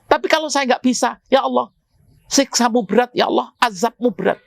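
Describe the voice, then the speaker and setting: A preacher voicing the earth pleading with God. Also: male voice, very high voice, fairly quick, creaky. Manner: pleading, repeating its address to God.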